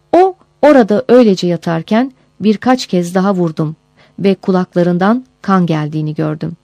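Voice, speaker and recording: Female audiobook narrator, warm, first-person memoir, even measured read, dry booth. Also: mid-range voice, no echo.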